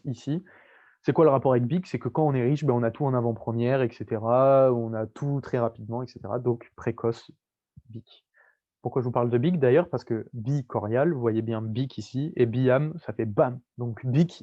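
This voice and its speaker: A man's voice: mid-range voice, warm tone, dull audio. A young man tutoring students online, explaining with jokes, playful mnemonics and chatty asides to the viewers. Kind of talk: casual lecture with mnemonics.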